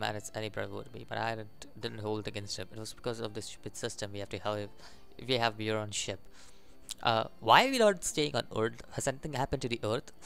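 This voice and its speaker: Speaking low with vocal fry and a slightly bright edge, a gaming channel host reads story text aloud and sometimes stumbles. His reactive commentary comes over faint game music.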